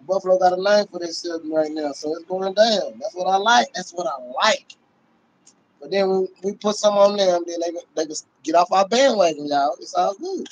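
A middle-aged Cowboys fan hosts a sports livestream from a small indoor room, talking casually in slangy, sweary language full of repeated catchphrases. His voice is high-pitched and moves at a normal speed. Recorded on a phone held close, the audio has no room sound and its highs are cut off.

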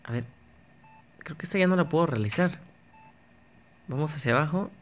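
A man's voice: on the high side, normal speed, slight background noise. Chatty man narrating his gameplay. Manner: chatty, talks to himself while playing, frequent restarts. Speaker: gaming YouTuber. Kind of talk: casual gameplay commentary.

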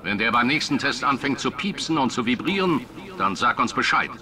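Brash eccentric company boss. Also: male voice, medium pitch, animated, a little fast, bright, forceful tone. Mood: breezy. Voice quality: cheerfully reckless, matter-of-fact about dangers. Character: brash eccentric male company founder on recorded announcements. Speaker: in-game announcer. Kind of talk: recorded game announcements. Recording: noisy game sound mixed in.

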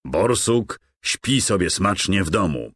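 A man voicing a sly, treasure-hoarding male lord of darkness in a children's game, speaking slowly and mockingly. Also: low voice, very animated, a bit bright, slightly rough, dry recording, voice pushed up, heavily acted. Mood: gloating. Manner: mocking, gloating, slow and drawn out.

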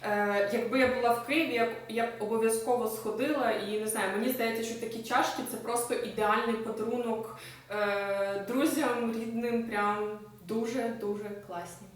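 A woman's voice: fairly high pitch, fairly even intonation, moderate pace. A woman vlogger chatting enthusiastically as she shows things off, with many filler sounds along the way. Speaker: lifestyle vlogger. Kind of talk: casual show-and-tell chat. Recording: echoey room, mic at a distance.

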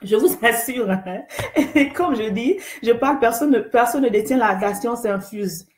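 A woman's voice: on the high side, normal speed, roomy sound, a little hiss or hum. A woman hosting a live faith talk, earnest and exhortative, repeating key phrases and greeting viewers by name. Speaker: host of an online faith talk show.

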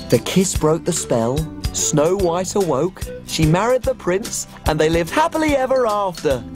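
Tiny giggly cook girl, lively sing-song voice, slow and careful, music behind. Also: lowish voice. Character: tiny cheerful female cook helper. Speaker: children's TV presenter. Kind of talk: children's TV acting and storytelling.

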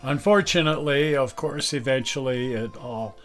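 Recorded indoors on camera with soft music behind him, a video host from Utah in his sixties talks in a relaxed, nostalgic way and laughs readily. He has a medium-pitched voice and a moderate pace.

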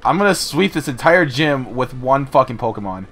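A man's voice: medium pitch, expressive, normal speed, fairly bright tone. A man giving casual, profane, jokey commentary while playing a co-op game. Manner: profane, jokey, laughs often. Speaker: co-op let's play host.

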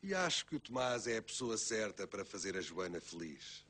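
A man's voice: on the low side, sing-song, a little fast, a bit bright, slight background noise. An actor playing a proud, contented man making a formal toast in a television soap. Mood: proud, celebratory. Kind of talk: television soap drama acting.

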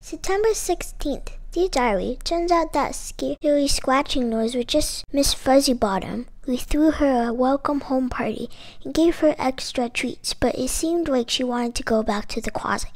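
With puppets in hand, a high-voiced storyteller reads a kids' picture book at a measured pace. She makes it a lively read-aloud, expressive and emphatic, with dramatic exclamations.

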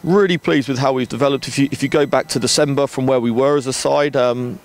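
A man in his thirties, a rugby director, speaking in a frank, measured way with many ums and restarts, outdoors at a floodlit ground at night into a handheld mic. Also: medium pitch, fairly even intonation, noisy background. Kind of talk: post-match interview. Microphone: handheld interview mic.

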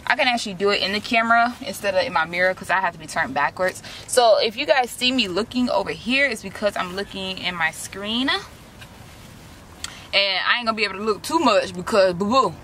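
Speaking a little fast at medium pitch with a sharp tone, a young woman vlogger chats to viewers over slight background noise. She's doing a face mask in a parked car, using slangy, direct talk, recorded on a camera just in front of her.

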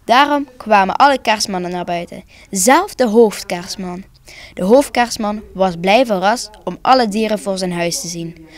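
A woman narrating a children's Christmas story for broadcast, calm and expressive. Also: medium pitch, normal speed.

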